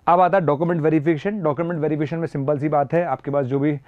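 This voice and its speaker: In phone-quality audio with no room sound, a man with a sore throat rattles off an explanation of an admissions process as a teacher. His voice is on the high side and steady in tone, delivered rapid-fire. He hammers home key points by repeating them and mixes in phrases in this explanatory lesson.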